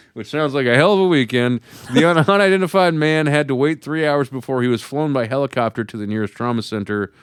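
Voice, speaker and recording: A man's voice: medium pitch, a little fast, smooth, dry recording, studio quality. An American man co-hosting a comedy podcast, reading out news stories in casual chat and laughing often between lines. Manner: laughs often while reading headlines aloud. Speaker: podcast co-host.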